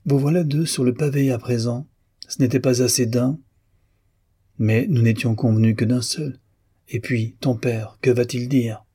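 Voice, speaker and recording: A man's voice: medium pitch, steady tone, a little slow, dark tone, breathy edge, no echo, studio quality. A man voicing a wry, teasing male doctor who banters with a clever young man. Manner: bantering, ironic.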